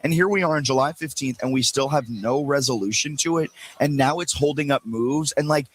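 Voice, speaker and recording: A male sports talk host with a voice of middling pitch, riffing through the day's stories in a loose, joking way. He keeps it animated and rambles on with quick asides. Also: poor audio. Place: radio show booth at a live event.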